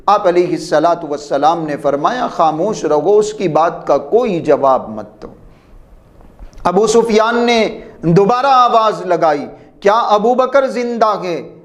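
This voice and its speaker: A man narrating a devotional history lesson in a reverent tone, adding honorifics after every holy name. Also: sits high.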